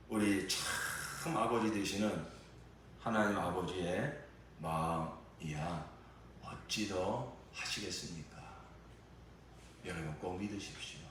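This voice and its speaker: Earnest preaching pastor in echoey hall. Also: male voice, on the low side, a bit bright, a little hiss or hum. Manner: earnest preaching, acts out dialogue in a story, rising to fervent pleas. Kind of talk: sermon. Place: church sanctuary. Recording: very echoey church hall, voice from far off.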